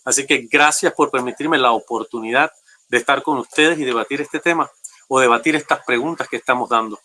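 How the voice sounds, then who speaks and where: A man's voice: mid-range voice, fairly quick, bright, forceful tone. A man from Panama, a pastor, speaking courteously and formally in a debate, emphatic as he poses his question.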